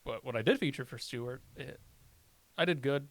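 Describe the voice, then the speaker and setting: A man's voice: medium pitch, fairly quick. A man, a stand-up comedian, chatting casually on a podcast, telling rambling stories and swearing often. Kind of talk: casual chat.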